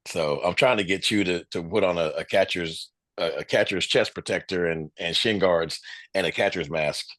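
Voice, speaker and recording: Low-voiced man chatting on a podcast. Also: a bit bright, dry recording. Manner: halting, repeats words as he restarts. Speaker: podcast co-host. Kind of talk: casual chat.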